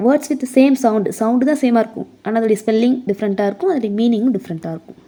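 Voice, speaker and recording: A woman with a Tamil accent teaching an exam prep lesson, reading English questions slowly and explaining them in quick Tamil. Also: fairly high pitch, warm tone.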